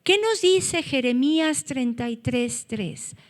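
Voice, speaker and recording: High-voiced woman preaching slowly in a hall. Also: lively intonation. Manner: earnest, rises to loud cries when quoting scripture. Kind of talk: sermon.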